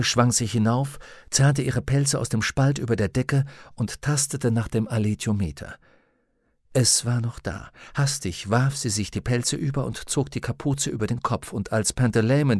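A man's voice: mid-range voice, darkish tone, no echo. Male audiobook narrator, dry sound. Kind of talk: scripted narration.

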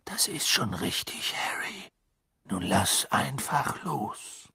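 A man voicing a gentle old male headmaster in an audiobook, speaking in a soft calming whisper. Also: medium pitch, takes it slowly, creaky, husky, no echo, clean studio sound, exaggerated voice. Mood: soothing.

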